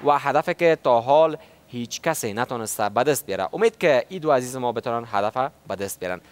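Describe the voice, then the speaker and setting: A man's voice: medium pitch, a little hiss or hum. A man with an Afghan Dari accent hosting a TV game show, chatting with contestants and calling out the countdown. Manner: animated, calls the countdown and cheers contestants on. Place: TV studio with audience.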